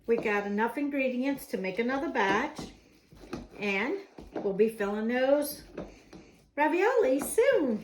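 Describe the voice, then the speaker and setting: A woman hosting a home cooking show, chatting in a folksy way through each step in a kitchen. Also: on the high side. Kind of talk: cooking show host presenting a demonstration. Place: indoor kitchen. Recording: echoey room with faint background noise.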